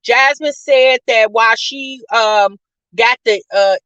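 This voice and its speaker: A woman's voice: fairly high pitch, slow, a bit bright, dry recording. A middle-aged woman hosting a casual commentary channel, talking in a chatty, sassy way and calling her listeners y'all, sis and honey. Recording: dull, lo-fi dry recording.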